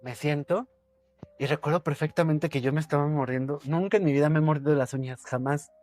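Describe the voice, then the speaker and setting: A man's voice: fairly quick, darkish tone, soft background music. Man telling a spooky story. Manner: suspenseful storytelling, repeats words for effect, drops his voice low. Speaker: podcast guest. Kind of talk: telling a personal ghost story.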